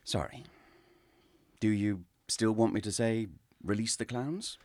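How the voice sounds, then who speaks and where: A man's voice: fairly low pitch, a little slow, a little mellow, no room sound, clean studio sound. A man, a guest actor, hesitant and apologetic, stammering through scripted comedy banter.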